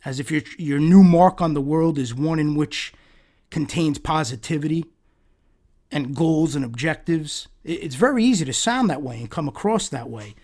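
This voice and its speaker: A man's voice: a little high, expressive, normal speed, a little mellow. A man hosting a solo podcast, talking through rhetorical questions in a sarcastic tone and often repeating words and restarting. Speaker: podcast host.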